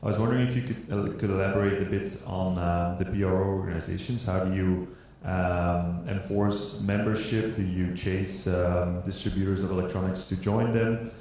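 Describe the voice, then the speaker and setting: Man, very low voice, polite questioner, heavy hall echo. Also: steady tone, normal speed, a little mellow, a little hiss or hum. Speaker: audience member asking a question. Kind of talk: conference question. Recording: echoey conference hall.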